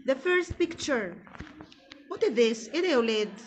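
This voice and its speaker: A young woman teacher with an Egyptian Arabic accent leads a children's English lesson, saying each word slowly and repeating it. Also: high voice, lively intonation, a little hiss or hum. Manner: slow, deliberate English drills with repeated words, quick Arabic explanations. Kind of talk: classroom lesson with call-and-repeat drills.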